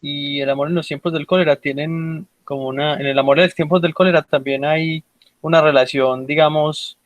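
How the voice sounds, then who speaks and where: A man, talking in a relaxed, halting way on a book club video call. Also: on the high side, no room sound, muffled recording. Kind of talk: casual online reading club talk.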